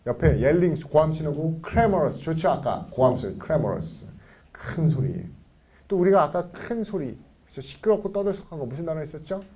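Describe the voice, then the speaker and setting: Animated, husky-voiced man lecturing a class. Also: on the high side, brisk. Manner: animated, constantly checks in with the class. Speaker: English vocabulary lecturer.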